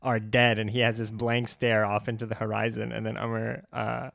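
A young man co-hosting a casual film chat, relaxed and talkative with many fillers and easy laughter. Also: fairly low pitch, moderate pace, gravelly, dry recording. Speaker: podcast co-host.

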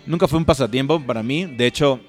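A man's voice: mid-range voice, fast talker. Young man, easygoing rambling musician guest, faint music under him. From Guayaquil, Ecuador. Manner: relaxed, rambling with many fillers. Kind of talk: casual interview chat.

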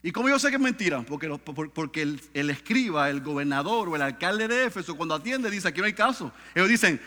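A man preaching a sermon with great drama, dropping low and quiet and then rising to loud, high cries. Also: expressive, fast, in a large hall. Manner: swings from hushed to shouting, dramatic.

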